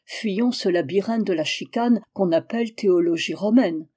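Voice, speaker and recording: A woman's voice: mid-range voice, normal speed, warm tone, husky, lightly acted. A woman reading the exclaimed lines of a fiery male reformer. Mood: scornful.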